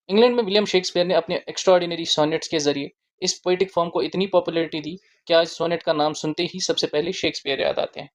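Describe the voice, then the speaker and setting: Teacher giving a slow, deliberate literature lesson. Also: mid-range voice. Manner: slow, deliberate, spells out terms word by word.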